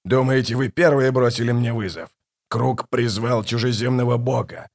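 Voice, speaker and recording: A scornful ancient tyrant king, as a male reader puts him on. He speaks with contempt and flares into furious shouting. The voice sits in a middle register in an audiobook drama. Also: mid-range voice, steady tone, moderate pace, close to an everyday voice. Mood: contemptuous. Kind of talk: audiobook reading with character voices.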